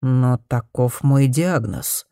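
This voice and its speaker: A woman reading an audiobook, voicing a blunt, matter-of-fact male doctor in a slightly lower voice. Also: slow, warm tone, dry recording, studio quality, heavily acted. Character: blunt plain-spoken male country doctor.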